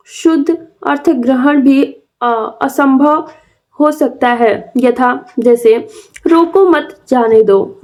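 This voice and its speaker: A young woman with a high voice teaches a grammar lecture. She reads a textbook line aloud and then restates it simply, often pausing on a filler as she searches for words. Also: a little mellow. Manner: reads textbook lines then explains them plainly, with frequent "uh" fillers. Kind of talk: classroom lecture explaining from notes.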